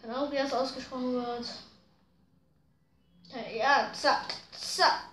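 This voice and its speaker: High, bright-voiced woman gamer in a roomy space. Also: takes it slowly, slight background noise. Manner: slangy, excitable, groans and pleads at the game. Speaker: gaming video host. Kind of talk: casual gameplay commentary. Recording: roomy echo.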